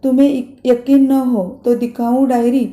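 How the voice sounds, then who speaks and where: A woman's voice: sits high, flat delivery, moderate pace, dark tone, natural voice. A woman voicing a stern, stingy male house master who scolds and counts off deductions, in an echoey room.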